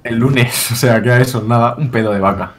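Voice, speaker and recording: A man's voice: mid-range voice, steady tone. A man from Spain co-hosting a casual chat, joking and swearing as he talks. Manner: profane, joking, quick to mock. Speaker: podcast co-host.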